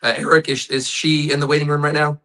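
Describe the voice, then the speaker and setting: A man with a hoarse, raspy voice hosting a live online news show, casual and friendly with his guests. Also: fairly high pitch, level tone, quick pace, pushed and bright.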